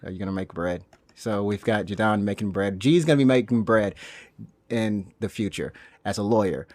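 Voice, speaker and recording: A young man hosting a casual podcast. He jokes, laughs often and now and then jumps into high silly voices. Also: normal speed, darkish tone, dry recording. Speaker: podcast host.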